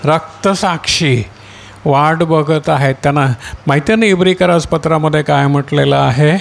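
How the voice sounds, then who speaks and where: A male pastor preaching a sermon, questioning his listeners and echoing the reader's words, climbing high and fervent as he voices the martyrs' plea. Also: fairly even intonation, normal speed, creaky. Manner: rising to a high, impassioned pitch when voicing the martyrs' cry; asks the congregation questions and echoes the reader.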